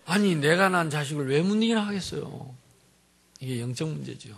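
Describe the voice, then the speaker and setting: Male pastor, sermon. High voice that jumps all over, swinging loud to soft, joking with the room. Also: fairly quick, creaky, slightly rough. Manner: animated, humorous preaching, swinging from loud to soft.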